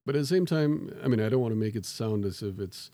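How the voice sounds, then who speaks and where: Here the same kind of speaker, a middle-aged professor born in Tanzania to Indian parents, sounds lowish and dark-toned, talking fast and expressively with no echo. In this conversational interview he's reflective and self-mocking, often using fillers and starting sentences over.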